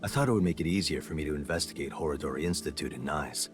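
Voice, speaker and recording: Very deep, grave special agent. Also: male voice, racing. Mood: grave, earnest. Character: serious male special agent recounting his investigation. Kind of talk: scripted game acting. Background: music.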